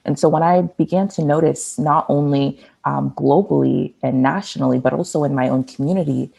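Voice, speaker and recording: Gravelly, husky young woman guest. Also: sits low, fairly even intonation, a little fast, warm tone, rough recording. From Washington, D.C. area, USA. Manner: earnest and eager. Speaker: activist guest. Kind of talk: interview answers.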